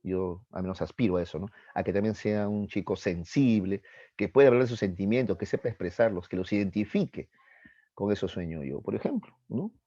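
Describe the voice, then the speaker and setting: A man's voice: fairly quick, no room sound. A middle-aged man giving a psychology lecture to teenagers, acting out little voices and throwing in questions. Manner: animated, acts out voices and questions with rising pitch. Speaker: psychology teacher. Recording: dull, dry lo-fi recording.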